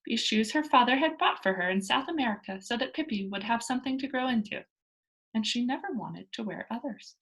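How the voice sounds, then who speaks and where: A woman with a fairly high voice narrates a children's story aloud. Her delivery is deliberate and expressive, in a storytelling style.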